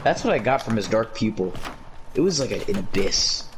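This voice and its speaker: A man's voice: fairly low pitch, sing-song, brisk. A young man telling a funny story in casual chat, profane and laughing often. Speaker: podcast co-host, storyteller. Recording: noisy recording.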